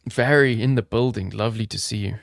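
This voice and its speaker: An upbeat, chatty man from South Africa, his South African accent softened toward American, hosting a live trading stream and talking straight to his viewers. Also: fairly low pitch, a little fast, gravelly, dry recording, clean studio sound. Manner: upbeat, chatty, addresses chat viewers directly. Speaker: crypto trading livestream host. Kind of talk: casual live-stream commentary.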